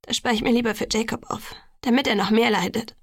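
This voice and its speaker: Upset young woman, close to crying, whispers then goes high and loud, woman reading. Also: steady tone, fast, husky, no echo. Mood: bitter whisper. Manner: whispering, rising to shrill outbursts. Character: distraught young woman near tears.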